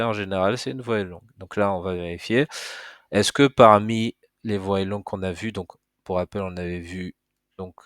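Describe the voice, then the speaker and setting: Low-voiced man teaching step by step. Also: dry recording, studio quality. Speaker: Arabic teacher. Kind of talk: casual spoken lesson.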